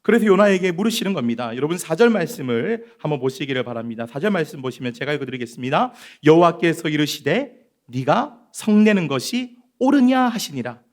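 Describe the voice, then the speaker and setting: Male pastor, sermon from the pulpit mic, high-pitched and animated, earnest. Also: brisk. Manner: earnest, addresses listeners directly, rises and falls sharply in loudness. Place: church sanctuary.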